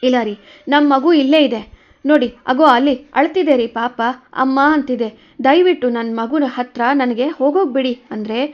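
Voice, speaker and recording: A woman's voice: sits high, moderate pace, lo-fi sound, lightly acted. A woman voicing a grieving young wife who pleads in tearful outbursts. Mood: pleading.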